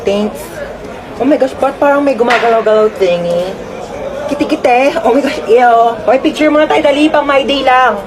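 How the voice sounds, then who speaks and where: A woman acting out comic sketches, playing several everyday characters in an animated, playful way. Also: sits high, normal speed, a crowd in the background. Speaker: comedy sketch creator. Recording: music playing underneath.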